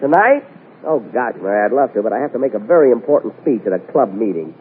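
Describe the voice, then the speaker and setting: A man hosting a 1940s radio comedy, delivering his lines with indignant, deadpan comic timing, heard as an old AM radio broadcast. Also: medium pitch, fast talker, phone-quality sound, a little hiss or hum. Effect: old AM radio broadcast sound.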